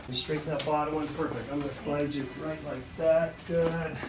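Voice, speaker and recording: A man's voice: fairly high pitch, steady tone, moderate pace, noisy background. A man working as a chiropractor, casually talking a patient through a hands-on adjustment with short, reassuring instructions. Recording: echoey room, distant mic, music behind.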